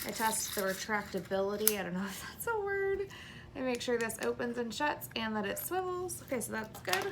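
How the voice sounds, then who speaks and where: Heavily pregnant, breathless woman with creaky voice. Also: mid-range voice, fairly bright tone, slight background noise. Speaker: craft tutorial host. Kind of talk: casual hands-on tutorial to camera. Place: small indoor craft room.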